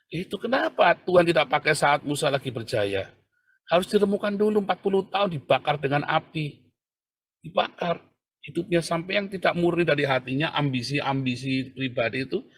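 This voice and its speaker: A man preaching a sermon as a pastor, animated and often addressing his listeners directly. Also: on the high side, slightly rough.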